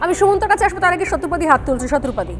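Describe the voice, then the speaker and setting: A woman anchors a live television panel debate in a very high voice, talking at a quick clip. She is assertive, cutting in and pressing guests with rapid, repeated questions, with faint music underneath. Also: big pitch swings.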